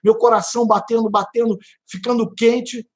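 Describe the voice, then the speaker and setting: A man's voice: extremely high pitch, moderate pace. Man preaching a testimony. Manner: animated storytelling, imitating a pounding heartbeat; direct address to listeners as brother and sister. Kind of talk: live-streamed testimony sermon.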